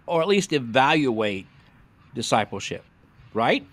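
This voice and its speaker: This pastor, a man in his sixties, chats casually as co-host of a conversational podcast, folksy and rambling, joining by remote video call from a small room. Through his close podcast mic, his medium-pitched voice comes across as very animated and a bit bright, at a measured pace.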